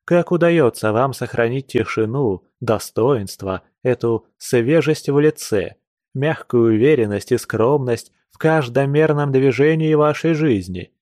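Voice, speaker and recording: A man's voice: mid-range voice, expressive, measured pace, a little mellow, dry recording, natural voice. A man reading an earnest young nobleman, fervent, lecturing, dry audiobook sound. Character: passionate earnest young nobleman, eager to argue. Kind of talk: audiobook reading of a classic novel.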